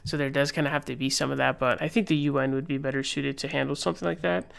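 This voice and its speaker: A man's voice: medium pitch, steady tone, quick pace, creaky, a bit bright. A young man giving casual live-stream political commentary, rambling with lots of fillers and reading posts aloud. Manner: rambling, filler-heavy, reads tweets aloud.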